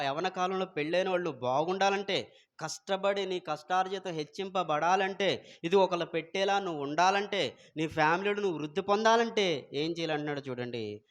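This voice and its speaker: Man, pastor, Sunday sermon, slightly high voice, animated, questions the congregation, loud and soft swings. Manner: animated preaching that quizzes the congregation; swings between loud exclamations and soft asides.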